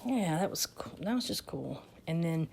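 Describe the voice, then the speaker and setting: A woman's voice: low-pitched, lively intonation, normal speed, vocal fry, darkish tone, breathy edge. A middle-aged woman telling family stories in a chatty, salty way, laughing as she goes. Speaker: vlogger telling her life story. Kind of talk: casual storytelling.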